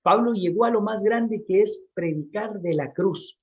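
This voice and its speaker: A man's voice: sits high, measured pace, lo-fi sound. A man preaching a sermon, repeating his phrases and calling out to his listeners.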